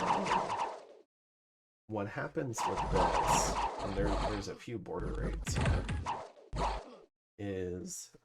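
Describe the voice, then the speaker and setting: A man's voice: on the low side, gravelly, husky. A man casually commentating over his strategy game turns, thinking aloud with plenty of fillers. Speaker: gameplay commentator. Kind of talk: casual let's-play commentary.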